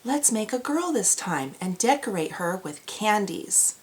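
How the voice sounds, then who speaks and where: A woman voicing a lonely, gentle old man from a children's storybook. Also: medium pitch, big pitch swings, unhurried. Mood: reassuring.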